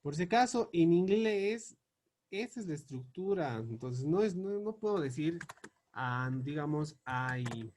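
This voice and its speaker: A man teaching English grammar, spelling out example questions slowly and word by word as he writes them up. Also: on the high side, expressive, darkish tone. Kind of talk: explaining grammar on a board.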